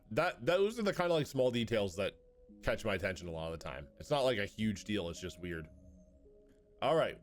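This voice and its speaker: Hoarse low-voiced male game streamer. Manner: wry running commentary between narrated passages. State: hoarse from a sore throat. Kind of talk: reading game text aloud while playing.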